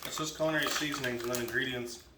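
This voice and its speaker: A man's voice: medium pitch, fairly even intonation, very fast. A man chatting casually as one of a group of snack reviewers. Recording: echoey room, distant mic, noticeable noise.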